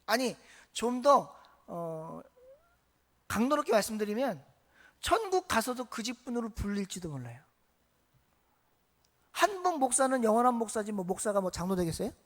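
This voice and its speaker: A man preaching a Sunday sermon in church. He keeps asking the congregation questions and swings between loud emphasis and hushed asides. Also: high voice, normal speed, long pauses. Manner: lively, asks the congregation questions. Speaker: pastor. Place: church sanctuary.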